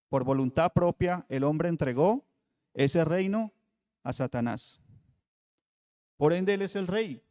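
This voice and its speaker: A man preaching a Bible study sermon, with rhetorical questions and emphatic pauses. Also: high-pitched, a little mellow. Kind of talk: radio sermon teaching. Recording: long hall reverb.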